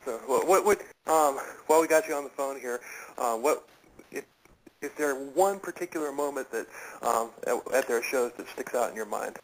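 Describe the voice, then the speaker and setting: A man's voice: mid-range voice, slight background noise, poor audio. Stammering male radio show host. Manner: halting, stammering restarts. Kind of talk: casual radio interview.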